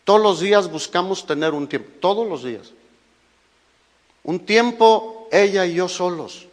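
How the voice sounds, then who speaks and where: This pastor's voice is high-pitched and a little slow, with lively intonation. He preaches a sermon in a Mexican Spanish accent, emphatic and full of rhetorical questions aimed at his listeners, captured in a reverberant hall.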